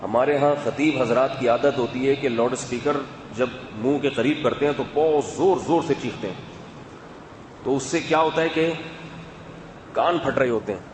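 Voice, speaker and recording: A man giving a sermon in a calm, conversational, explanatory way, with asides to his listeners. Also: mid-range voice. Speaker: religious scholar. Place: mosque or hall with loudspeaker system. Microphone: loudspeaker microphone. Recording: echoey hall, faint background noise.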